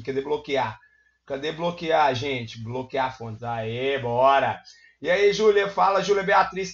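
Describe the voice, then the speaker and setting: A hoarse man hosting a live stream, chatting casually, greeting viewers over and over and muttering while he fiddles with settings. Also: on the high side. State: hoarse, losing his voice. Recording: lo-fi stream audio.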